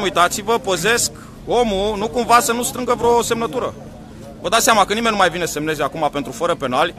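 A man with a high, bright voice is livestreaming from a phone outside a courthouse. He talks straight to his viewers, stressing his points and checking that they follow. Street traffic passes behind him. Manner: emphatic, addresses viewers directly with repeated questions. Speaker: livestreaming activist vlogger. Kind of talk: live commentary to viewers. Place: outdoors by a courthouse.

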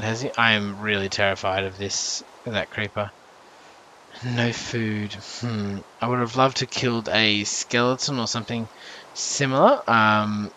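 A young man hosts a casual gameplay commentary with a somewhat low voice that still sounds bright and edged. He rambles, trips over his words and fills pauses with ums, then reacts sharply whenever something threatens him. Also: a little hiss or hum. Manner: rambling with many fillers and self-corrections; jumpy reactions to in-game danger. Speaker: channel host.

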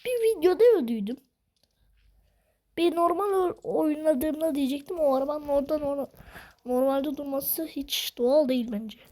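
A woman giving excitable, slangy gameplay commentary, swearing now and then. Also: high voice, moderate pace, rough recording. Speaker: gaming video host.

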